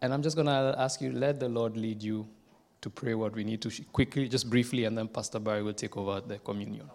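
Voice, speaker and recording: A man's voice: lowish voice, steady tone. A man from Kenya, leading a church service and speaking to the congregation with frequent hesitations. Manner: warm, halting, lots of "um" and restarts. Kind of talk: addressing a congregation. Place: church sanctuary. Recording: echoey church hall with congregation.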